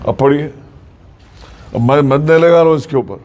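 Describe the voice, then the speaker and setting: A man's voice: fairly high pitch, darkish tone, lo-fi sound, a little hiss or hum. A man teaching Quran recitation rules in a mosque class, explaining patiently and quizzing his students.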